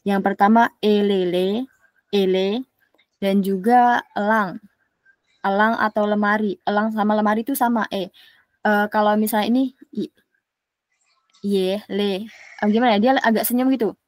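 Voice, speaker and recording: A woman's voice: medium pitch, fairly even intonation, no room sound. Patient woman tutor, dry close mic. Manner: patient, models syllables slowly and repeats them. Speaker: Mandarin tutor. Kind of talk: private online language lesson.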